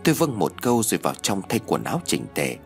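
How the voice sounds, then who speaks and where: A man narrating a first-person ghost story as an audiobook reader, in an expressive, dramatic way. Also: fairly low pitch, fast, vocal fry, soft background music.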